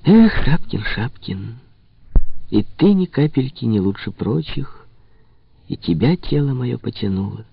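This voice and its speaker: A bold, bitter young woman, voiced by a male reader, taunts with wild, mocking swings, pitched far higher than his own deep voice. The reading sounds husky and slightly dull. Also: very animated, measured pace, slight background noise. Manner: mocking, impulsive.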